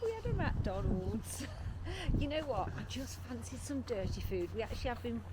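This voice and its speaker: A woman's voice: fairly high pitch, sing-song, moderate pace. A British woman vlogging in casual, chatty talk full of informal slang. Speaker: travel vlogger. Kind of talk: casual chat to camera. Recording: noisy location sound with ambience.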